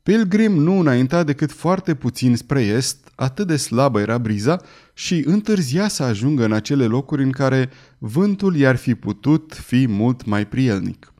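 Man reading a novel with a lively melody. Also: medium pitch. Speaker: audiobook narrator. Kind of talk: scripted narration.

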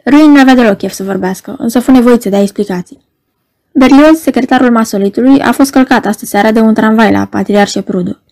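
A woman narrating a novel in a steady, scripted audiobook reading. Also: fairly high pitch.

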